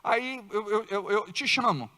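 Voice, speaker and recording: A man with a Brazilian Portuguese accent preaching a sermon in a church, acting out quoted voices with sudden loud outbursts. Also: high-pitched, measured pace. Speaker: pastor.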